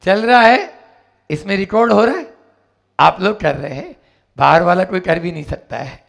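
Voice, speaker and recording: A man's voice: high voice, normal speed, vocal fry. A man giving an emphatic sermon as a spiritual teacher, telling stories and stressing key words. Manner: animated, emphatic preaching with rising exclamations. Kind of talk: sermon with storytelling.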